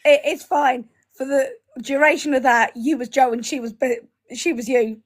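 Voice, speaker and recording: A woman joining a live stream as a guest, calmly explaining things in a casual chat. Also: sits high, moderate pace.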